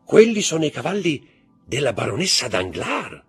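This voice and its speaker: A man voicing a calm, courteous nobleman who speaks in composed, reassuring tones in an audiobook reading. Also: fairly high pitch, moderate pace, breathy edge, faint music behind, voice pushed up, full character voice. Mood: gracious.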